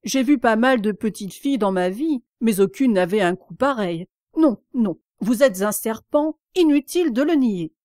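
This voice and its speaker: Storybook pigeon: anxious, shrill mother bird, read by a woman, dry close recording. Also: expressive, normal speed, hardly any pauses, darkish tone, no room sound, close to an everyday voice. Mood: scornful. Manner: shrill, scornful, complaining. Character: shrill anxious female pigeon guarding eggs.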